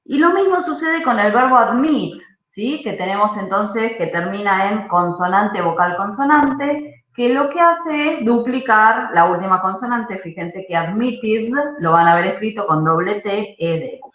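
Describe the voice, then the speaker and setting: A woman teaching an English grammar class online, explaining patiently and often checking in with a quick "¿sí?". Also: mid-range voice, animated, fairly bright tone. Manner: explanatory, checks understanding with frequent "¿sí?". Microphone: video call. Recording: muffled roomy video-call audio.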